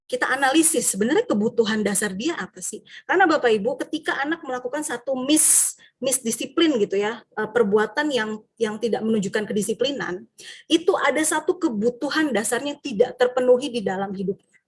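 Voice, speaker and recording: A woman teacher from Indonesia, giving a lively workshop talk to fellow teachers and acting out student and teacher voices. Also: fairly high pitch, a little fast, breathy edge. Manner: frequent tag questions.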